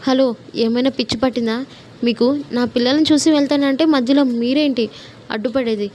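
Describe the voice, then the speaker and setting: Storybook villain: woman playing a haughty, sneering young mother, mellow and fairly high. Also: steady tone, a little fast, natural voice. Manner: haughty, mocking.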